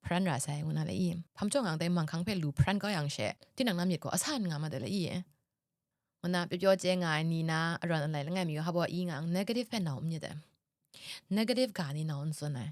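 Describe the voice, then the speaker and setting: A woman's voice: fairly low pitch, animated, fast talker, darkish tone, dry recording, studio quality. A woman hosting a solo podcast in a casual, chatty way, often laughing and dropping English words into her talk. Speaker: podcast host.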